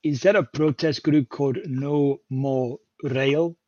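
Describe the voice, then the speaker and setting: Husky-voiced man playing a tabletop game. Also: mid-range voice, steady tone, slow pace, warm tone, dry recording, lo-fi sound. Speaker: player.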